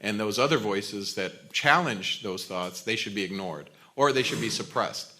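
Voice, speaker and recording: A man on a forum panel, speaking in an earnest, measured way. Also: fairly low pitch, animated, pushed and bright. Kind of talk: panel discussion.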